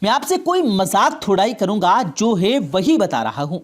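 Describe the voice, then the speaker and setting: A woman's voice: mid-range voice, very animated. A woman voicing a firm, matter-of-fact male doctor in a told story.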